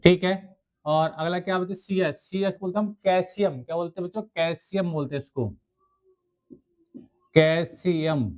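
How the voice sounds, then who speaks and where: A man with a fairly high voice gives a recorded science lesson to school students. He keeps asking the class questions, answers them himself and says each key word over again, as if drilling it. He writes on the screen as he talks. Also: moderate pace, darkish tone. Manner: writes on the screen while explaining. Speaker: teacher. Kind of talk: video lecture to school students.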